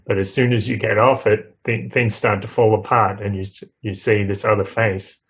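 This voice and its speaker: A man's voice: lowish voice, flat delivery, normal speed, fairly bright tone, rough recording. Attentive male podcast host. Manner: attentive, prompting with short questions and agreeing murmurs. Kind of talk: casual interview talk.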